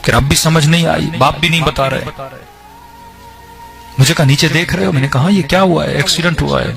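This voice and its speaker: A man's voice: a little high, fairly even intonation, vocal fry, music in the background. A man telling a religious story with rising emotion, voicing the people in it as he goes.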